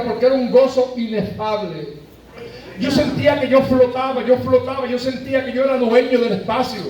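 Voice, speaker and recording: A pastor with a Puerto Rican Spanish accent gives an emotional sermon testimony in a church sanctuary, his voice high with a dark tone. At times he sounds tearful, and the congregation responds. The recording comes from far away in a very echoey church.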